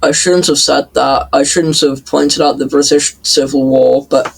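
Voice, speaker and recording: A man giving casual off-the-cuff commentary in a halting way, stammering and repeating words. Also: medium pitch, steady tone, creaky, slight background noise. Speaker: reaction commentator.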